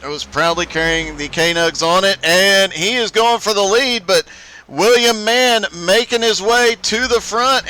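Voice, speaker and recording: A man's voice: high-pitched, pushed and bright, clear, resonant tone. A man calling a live sim racing event play-by-play, upbeat and laughing often as he goes. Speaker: race commentator.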